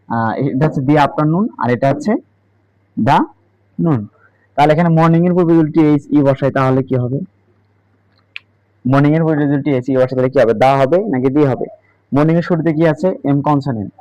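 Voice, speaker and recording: A man teaching an English grammar lesson, slow and deliberate, who keeps asking the viewer questions. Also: mid-range voice, dark tone, no room sound. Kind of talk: classroom-style grammar lesson. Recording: dull, dry sound.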